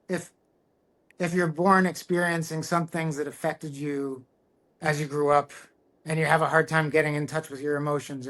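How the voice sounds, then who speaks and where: A middle-aged man speaks candidly as a podcast guest, his voice sitting a little high for a man. He sounds reflective and earnest, and he often stops and restarts a phrase as he works through a personal story. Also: a bit bright. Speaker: guest, tattoo artist.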